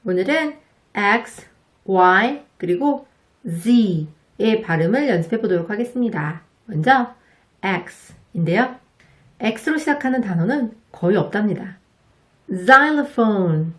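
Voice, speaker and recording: A woman teaching English pronunciation to Korean speakers, explaining politely and patiently and modeling each sound slowly and clearly. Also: mid-range voice, animated. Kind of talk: slow, careful instructional narration.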